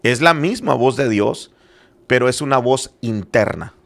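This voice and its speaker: A man's voice: mid-range voice, lively intonation, measured pace, vocal fry, a bit bright. A middle-aged man, a church apostle, explaining faith matters in an earnest conversational way, with many hesitant fillers. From Spanish-speaking background, living in Arizona.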